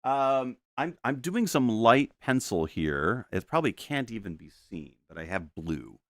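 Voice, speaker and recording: At a medium pitch and a slightly slow pace, this middle-aged man sounds very animated, his tone fairly bright in a dry recording. He paints on a live stream from a home studio desk microphone, chatting in a rambling way with stammered restarts, self-interruptions and frequent chuckles.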